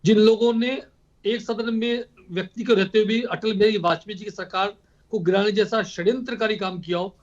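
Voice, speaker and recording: A man arguing as a party spokesperson in a heated TV debate, forceful and repetitive. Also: high voice, fairly even intonation, fairly quick, highs cut off. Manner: forceful, repetitive rhetorical speech.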